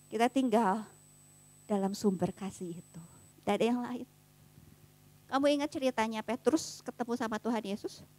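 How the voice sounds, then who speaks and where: High-voiced woman preaching casual youth sermon. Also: normal speed, long pauses. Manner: casual slangy preaching, swings between soft and fervent. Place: church youth service.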